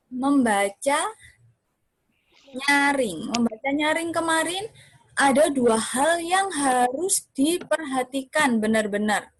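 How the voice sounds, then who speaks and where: A homeschool teacher with a high, slightly bright voice leads an online class for young children through a computer mic on a video call. She is patient and coaxing, often checking that the kids can see her screen, and the recording is dry.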